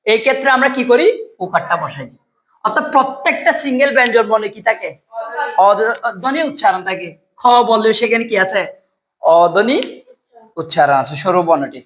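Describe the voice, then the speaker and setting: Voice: mid-range voice, expressive, a little fast, fairly bright tone, poor audio. A teacher giving an exam-prep lesson, asking the class questions and answering them right away. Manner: quizzes students, asks and answers own questions. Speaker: Bengali grammar teacher.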